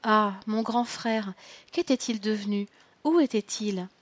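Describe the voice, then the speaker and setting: A woman reading a first-person audiobook story in a measured, expressive way. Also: medium pitch, dry recording. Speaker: audiobook narrator.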